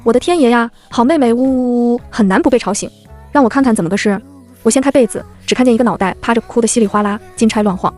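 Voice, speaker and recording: A woman's voice: on the high side, rapid-fire, a little mellow, soft background music. A woman narrating a playful first-person story and voicing every character herself.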